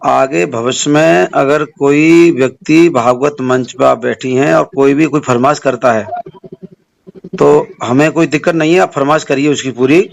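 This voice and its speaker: On a phone call, a man who is an activist for a religious organisation speaks formally and admonishingly, repeating phrases for emphasis. His voice is mid-range and moderately paced, and the phone recording comes through clear of noise.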